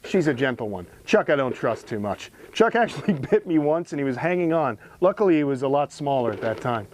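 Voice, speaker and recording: A man's voice: mid-range voice, sing-song, brisk, darkish tone, slight background noise. A man presenting an educational animal tour outdoors in a casual, emphatic, admiring way, as an enthusiastic host and keeper. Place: outdoors among animal enclosures.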